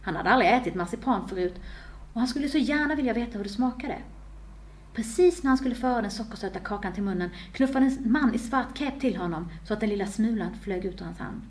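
A woman author reading her own story aloud with expressive storytelling. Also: on the high side.

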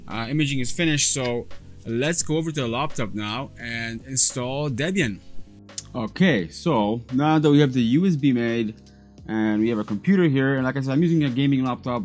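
A data recovery technician in his thirties, a native Polish speaker, walks through a step-by-step computer tutorial in a casual screen recording. His mid-range, darkish voice comes through a clip-on lapel mic in a cluttered indoor workshop or lab, with frequent fillers and restarts.

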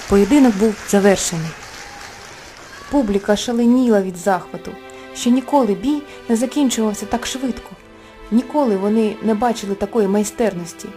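A woman narrating a bedtime fairy tale in a gentle, expressive storytelling manner. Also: mid-range voice. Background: soft background music.

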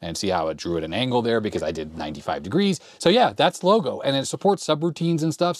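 In a dry recording, a medium-pitched man in his forties casually thinks aloud as he types and tests an old computer. He's a retro computer repair YouTuber in a cluttered workshop, filmed up close, giving a relaxed hands-on demo over keyboard clicks.

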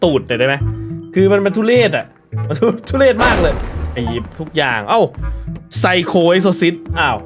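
A man gives casual, joking let's-play commentary in a high, lively voice. He swears, laughs and reads the game text aloud. Game music plays clearly behind him. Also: normal speed. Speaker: gaming streamer.

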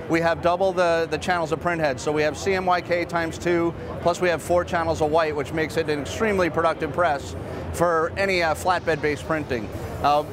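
A man in his fifties, a marketing executive, giving a brisk, upbeat walkthrough of machines at a busy trade fair, with frequent fillers. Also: fairly high pitch, background noise. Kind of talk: trade show product walkthrough. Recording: clear trade hall ambience behind.

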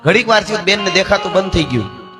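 A man's voice: high voice, lively intonation, fast, over music. A man telling folk stories with a Kathiyawadi Gujarati accent. He moralizes emphatically and asks the audience questions. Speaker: folk storyteller. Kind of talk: Gujarati folk discourse with storytelling and sung verses.

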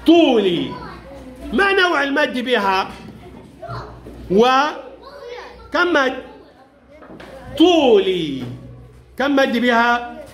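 A man teaching young pupils in a classroom, brisk and playful, calling each child up by name. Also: very high voice, animated, sharp tone. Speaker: primary school Arabic teacher.

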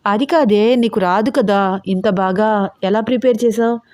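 Woman voicing a brisk teasing young boss. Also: mid-range voice, darkish tone, no room sound, clean studio sound, close to an everyday voice. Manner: curt, teasing replies.

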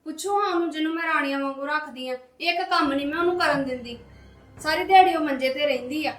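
A woman's voice: sits high, fast, roomy sound, faint music behind, close to an everyday voice. A woman playing a young wife who bullies her mute sister-in-law, then begs forgiveness. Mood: defensive. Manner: defensive and bossy, then pleading. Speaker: daughter-in-law. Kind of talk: amateur family drama acting.

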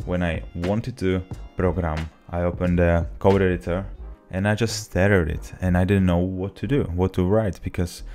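A man's voice: sits low, normal speed, hardly any pauses, faint music behind. A young man from the Czech Republic with a Czech accent, casually telling his story to camera at a desk mic in a small home office. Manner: relaxed storytelling, slightly broken English. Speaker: vlogger. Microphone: desk mic on a boom arm.

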